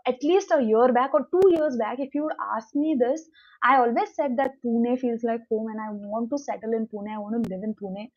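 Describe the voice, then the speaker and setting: A young woman with an Indian English accent, whose native language is Konkani, hosts a casual motivational livestream, rambling loosely and pausing to answer viewer comments. Her voice is a little high. Though she uses a new mic, the livestream audio sounds dull and lo-fi.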